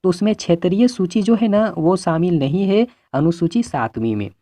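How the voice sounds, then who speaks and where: A male teacher with a Hindi-belt Indian accent walks students through exam questions in an earnest, repetitive way during an exam-prep lesson. His high, mellow voice has lively intonation and a moderate pace, in a dry recording.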